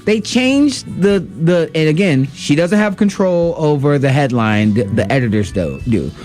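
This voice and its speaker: An animated man co-hosts a political talk radio show, interjecting and exclaiming as he riffs. His voice sits a little high and swings widely in pitch. Faint music plays underneath. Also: measured pace. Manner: animated, exclaims often, says dog.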